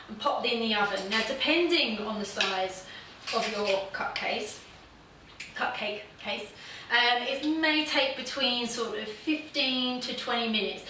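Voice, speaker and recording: A woman's voice: on the high side, recorded from a distance, background noise. Chatty woman in an echoey kitchen. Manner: chatty, self-deprecating, with many fillers. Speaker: home cooking host. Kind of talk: casual cooking demonstration. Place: home kitchen. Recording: very echoey room, voice from off the mic.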